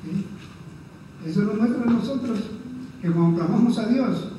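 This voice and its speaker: A man's voice: sits high, unhurried, dark tone, recorded from a distance, a little hiss or hum. A male pastor preaching a sermon, earnest and conversational, often checking in with his congregation. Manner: earnest, repeats "¿verdad?" to the congregation. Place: church hall. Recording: echoey church room heard from afar.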